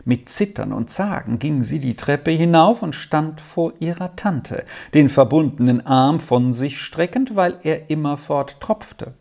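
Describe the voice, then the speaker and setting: A narrator reading an old-fashioned children's story aloud in an expressive way. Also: mid-range voice, vocal fry. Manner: expressive, unhurried.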